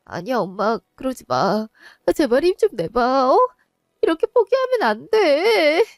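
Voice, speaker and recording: A woman's voice: on the high side, animated, moderate pace, a little mellow, dry recording, clean studio sound, lightly acted. A woman voicing a distraught young wife and daughter who pleads and cries out in a one-voice audio drama. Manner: pleading, rising to anguished cries.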